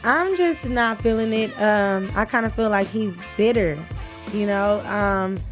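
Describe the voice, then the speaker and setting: A woman co-hosting a hip hop talk show, skeptical and quick to laugh. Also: medium pitch, soft background music. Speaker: co-host.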